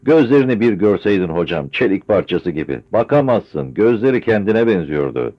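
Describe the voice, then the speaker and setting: A man voicing a grieving, frail old village man who pleads tearfully in a high, strained voice. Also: very animated, normal speed. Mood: anxious. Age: older. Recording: dull lo-fi recording.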